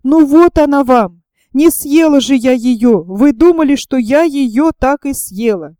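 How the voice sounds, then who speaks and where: A woman's voice: high-pitched, expressive, unhurried, dark tone, no room sound, studio quality. A woman reading as an imperious older noblewoman. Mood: commanding. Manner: commanding, fierce, hissing whispers.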